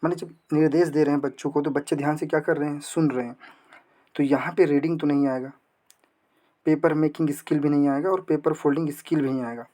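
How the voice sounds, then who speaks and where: A man's voice: on the high side, steady tone, mellow. Man teaching exam prep. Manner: asks and answers own questions, reads English slowly. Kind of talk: exam prep lesson explaining questions.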